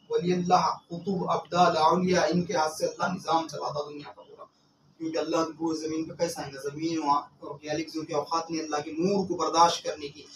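A man delivers a scolding sermon, repeating his warnings with emphasis. His voice is high and bright. It is recorded from a distance in a reverberant room with faint background noise. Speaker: preacher and exorcist. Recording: echoey, distant mic with faint ambient noise.

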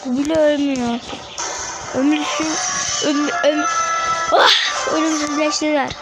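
A woman giving casual commentary while playing a mobile game, excitable and trash-talking the enemies. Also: high-pitched, unhurried, loud music behind the voice. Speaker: mobile gamer. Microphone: phone screen recording.

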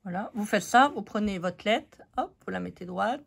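A woman's voice: medium pitch, animated, normal speed, vocal fry, husky. French woman losing her voice, chatty. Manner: chatty, many fillers, talks to viewers. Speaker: craft channel host. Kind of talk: casual craft haul chat.

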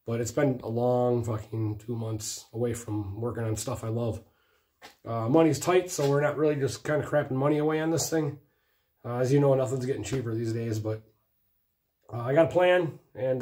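A hoarse man casually rambling about his motorcycle project in his garage, swearing freely. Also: mid-range voice, steady tone, normal speed, a little mellow. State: hoarse from a cough. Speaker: motorcycle racing vlogger. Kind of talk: casual chat. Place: home garage workshop.

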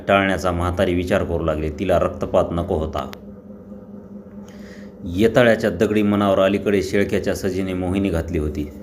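A man narrating a Marathi short story aloud in a steady, deliberate reading with small restarts. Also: deep voice, a little hiss or hum.

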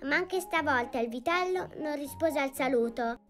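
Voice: high-pitched, normal speed, a bit bright, soft background music. A voice actor playing a playful little girl who tells a fairy tale in a chatty cartoon storybook style, asking the listener questions along the way. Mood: lively.

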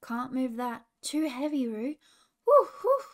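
A woman's voice: high-pitched, big pitch swings, slow pace, full character voice. A woman voicing a wise male owl who huffs for breath and speaks in short, clipped phrases. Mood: calm.

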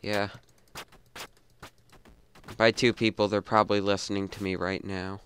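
A young man giving goofy, rambling commentary over a game he plays, mumbling low asides and then yelping, on a desk mic. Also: little pitch movement, a little slow, fairly bright tone, slight background noise. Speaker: gamer. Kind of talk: casual let's-play commentary.

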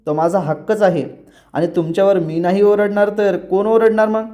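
A man's voice: sits high, fairly even intonation, normal speed, warm tone, voice pushed up, lightly acted. A man voicing a playful, stubborn young woman student while retelling a TV serial scene, in a teasing, pleading way.

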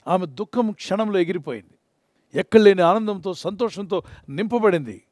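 A man's voice: high voice, animated, moderate pace, a little mellow, dry recording, clean studio sound. A man preaching an earnest devotional sermon as pastor, acting out prayers and quoted words.

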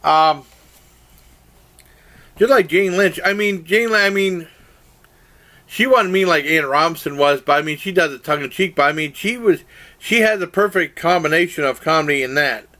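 In a small indoor room with a plain wall, an older man reviews a game show into his desk webcam, rambling with lots of fillers and restarts. His slightly high voice is bright and forceful, at a moderate pace with frequent pauses.

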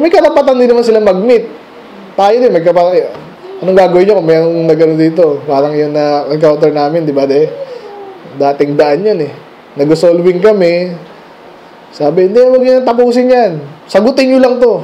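A man with a Filipino accent preaches a midweek Bible study sermon in a loose, conversational way, mixing in English phrases and rhetorical questions. His voice sits high, with a soft, mellow tone. A faint background hum runs under him. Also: muffled recording. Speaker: pastor. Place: church meeting room.

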